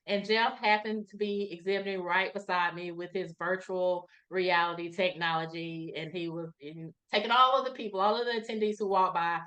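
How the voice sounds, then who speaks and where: A woman's voice: on the low side, fairly even intonation, moderate pace, hardly any pauses, a bit bright, lo-fi sound. A woman hosting a webinar, introducing the session in a friendly way with many um's. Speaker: webinar host.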